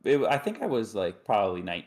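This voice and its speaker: Male co-commentator, lowish voice, laid-back and jokey, filler-heavy chat. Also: sing-song, fairly quick, a little mellow. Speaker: tournament co-commentator. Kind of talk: casual live game commentary.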